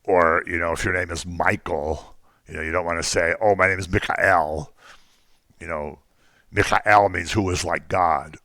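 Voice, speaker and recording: Deep-voiced man teaching a Bible class. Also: steady tone, moderate pace, pushed and bright, dry recording. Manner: conversational, jokey asides, frequent ums. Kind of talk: informal Bible class lecture.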